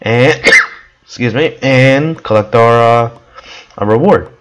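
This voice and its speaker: A man giving casual gameplay commentary with a hoarse, worn voice, coughing now and then and rambling with many fillers. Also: mid-range voice, slow, rough recording. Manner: rambling, with frequent ums and restarts. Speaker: gameplay video creator.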